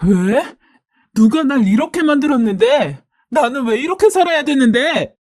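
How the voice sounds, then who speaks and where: A woman voicing a shrill, furious young woman. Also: lively intonation, moderate pace, close to an everyday voice. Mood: bitter. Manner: yelling, accusing. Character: hot-tempered young woman, rude and shouting.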